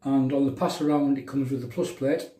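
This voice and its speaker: A middle-aged man with a County Durham accent hosts a live shaving show, chatting matily with viewers as he demonstrates in the bathroom. His dark, medium-pitched voice is steady and fairly quick, with soft music underneath. Bathroom echo comes through on the distant mic.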